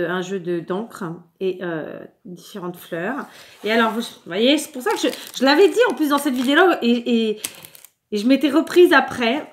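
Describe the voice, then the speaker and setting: A French woman with a somewhat high voice chats casually as she shows the mail she received. She stumbles, repeats words and fills pauses as she goes. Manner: chatty, stumbling restarts and fillers. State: clearing her throat, something in the throat. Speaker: scrapbooking vlogger.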